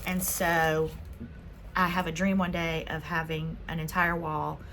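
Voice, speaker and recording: A woman from Spain hosts a casual haul vlog, chatting away as she unboxes her purchases one by one. Her voice sits a little low for a woman, with a faint hum of room noise behind her. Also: flat delivery, unhurried, fairly bright tone. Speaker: vlog host.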